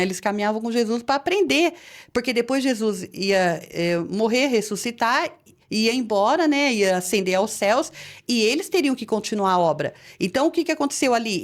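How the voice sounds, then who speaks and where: A woman pastor with a Brazilian Portuguese accent tells a personal testimony with earnest feeling, her voice rising when she relives the tense moments. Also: on the high side.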